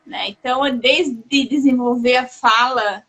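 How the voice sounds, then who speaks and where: A woman hosting a casual live chat, talking in a warm, halting way with many restarts and fillers. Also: fairly high pitch, low-quality recording. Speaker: host.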